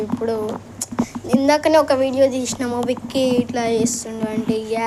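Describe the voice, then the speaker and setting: A woman's voice: on the high side, noisy background. A woman with a Telangana Telugu accent, vlogging and pleading emotionally. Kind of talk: casual vlog chat. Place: outdoors.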